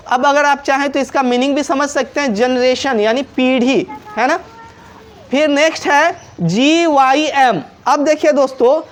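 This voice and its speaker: A woman with a high, light voice runs a patient pronunciation lesson. She spells each word out letter by letter. She keeps asking her own questions and answering them straight away. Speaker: English pronunciation teacher. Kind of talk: classroom-style lesson.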